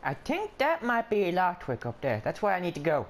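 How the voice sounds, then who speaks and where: A man provides let's play commentary in a full character voice as a skittish, whiny little male adventurer who rambles, stammers, and yelps whenever something attacks. His voice sits high, with huge pitch swings, and he talks fairly quickly.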